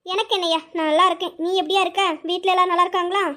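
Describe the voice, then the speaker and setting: A woman's voice: extremely high pitch, flat delivery, a bit bright. A woman voicing a reserved, firm older mother-in-law in an amateur audio drama. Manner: measured, refusing.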